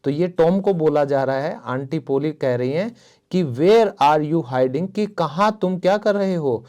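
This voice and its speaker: A man's voice: on the high side, darkish tone. Indian man teaching a reading lesson. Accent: Indian English. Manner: reads English word by word at a slow pace, then explains briskly. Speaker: English teacher. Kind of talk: bilingual reading lesson, reads English slowly and explains in Hindi.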